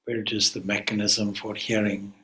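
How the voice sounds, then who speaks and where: Heard through a rough recording, a man whose voice sits on the low side leads a guided meditation as a spiritual teacher. His phrases are short, calm, and deliberate, with pauses between them.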